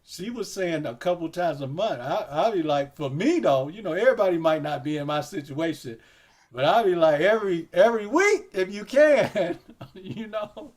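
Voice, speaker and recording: Relaxed, rambling male interview host. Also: a little high, moderate pace. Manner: relaxed, rambling, many fillers like "you know"; addresses viewers directly. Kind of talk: casual interview chat.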